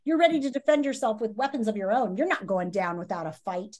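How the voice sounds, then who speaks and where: A woman in her fifties reads a children's nonfiction book aloud over a video call from a small room at home, using a dramatic, teacherly style with emphatic pauses. Her voice is mid-range and somewhat dark, picked up by a computer microphone.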